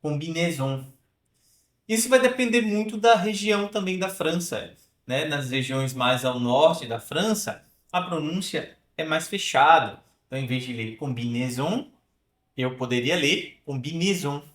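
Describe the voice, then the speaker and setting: He speaks with a fairly high-pitched, expressive voice in a reverberant space. The online lesson covers French pronunciation, which he explains and drills slowly while checking in repeatedly with "né?" and "tá?".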